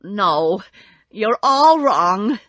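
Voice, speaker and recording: A woman's voice: medium pitch, big pitch swings, drawn-out words, a bit bright, no echo, heavily acted. Woman acting meek, trembling old Wizard of Oz. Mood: meek, confessing. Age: older. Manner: meek, pleading. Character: little old man, meek humbug posing as great wizard.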